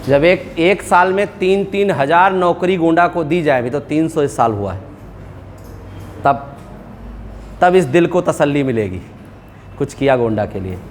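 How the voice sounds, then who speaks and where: A man's voice: a little high, expressive, measured pace, pauses often, a little hiss or hum. A middle-aged man teaching accounting in a classroom, mixing English terms into his talk and checking in with his students. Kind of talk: classroom lecture.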